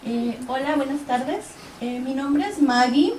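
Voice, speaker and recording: A young woman from Mexico gives an earnest personal account on a panel in an event hall, acting out quoted exchanges as she tells her story. Her voice is high-pitched, animated, a little slow and a little mellow. The distant mic picks up an echoey hall with slight background noise.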